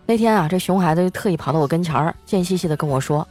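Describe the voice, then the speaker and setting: A woman's voice: on the low side, rapid-fire, darkish tone, soft background music. A young woman hosting a show, telling funny anecdotes in a playful, giggly way. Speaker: podcast host. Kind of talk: comic storytelling.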